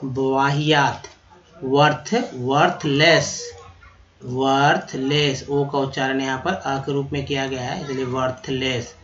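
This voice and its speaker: A man teaching vocabulary, spelling words out letter by letter, repeating them slowly and calling his viewers friends. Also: medium pitch, level tone, a bit bright, muffled recording. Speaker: English teacher. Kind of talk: vocabulary lesson.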